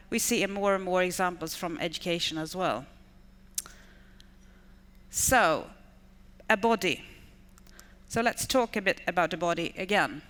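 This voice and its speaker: Speaking English though Swedish is her first language, this fifties-aged education manager from Sweden addresses a large conference hall with enthusiasm, piling up words such as "really, really." Her smooth voice sits at medium pitch and is a bit bright. Sound echoes with a long decay through the reverberant room.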